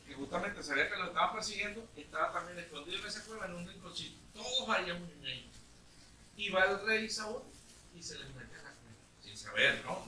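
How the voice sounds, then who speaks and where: A male pastor preaching a lively sermon, retelling a story with acted-out lines and questions to the congregation. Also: sits high. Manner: lively storytelling, acting out bits of dialogue with sudden loud outbursts. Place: church meeting hall. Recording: echoey room from a distance with faint noise.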